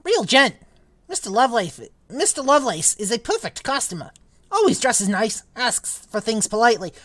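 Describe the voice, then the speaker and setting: A woman's voice: fairly high pitch, sing-song, normal speed, a bit bright. A woman putting on a fussy gossiping spirit shopkeeper. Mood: gossipy. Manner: gossipy, fawning, hesitant. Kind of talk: reading a novel aloud.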